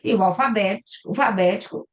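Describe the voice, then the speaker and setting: A woman's voice: medium pitch, fast. A Brazilian Portuguese woman teaching a recorded online class over a video call, explaining step by step and checking in with her students. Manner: explains step by step, often ending with "tá?" and "né?". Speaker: lecturer. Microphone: computer mic on a video call.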